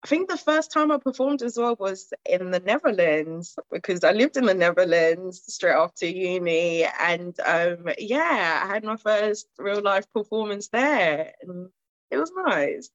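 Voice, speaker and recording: A young Zimbabwean woman in her twenties, appearing as a guest poet, rambles casually about her poetry in an interview, laughing often and using lots of fillers. Her voice is mid-range, and the recording is dry with the highs cut off.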